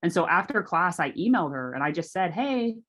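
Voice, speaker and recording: A woman talks casually to a small group over a video call, full of asides and "like"s. Her voice sits a little low for a woman, and she sounds friendly and unhurried as she leads the session. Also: lively intonation, pushed and bright, slightly rough. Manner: chatty, conversational, lots of "like". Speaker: faculty workshop presenter.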